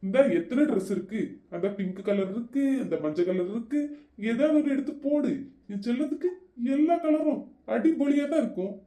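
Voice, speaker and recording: A woman voicing a soft, henpecked young husband who sweet-talks his wife in a comedy skit. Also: fairly high pitch, animated, brisk, close to an everyday voice. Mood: coaxing. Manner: sweet-talking, coaxing. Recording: roomy echo.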